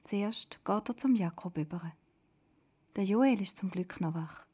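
A woman telling a bedtime story in a breathy whisper. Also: mid-range voice, unhurried, mellow.

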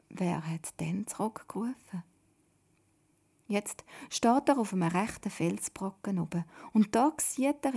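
A woman telling a bedtime story in a breathy whisper. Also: mid-range voice, a little mellow.

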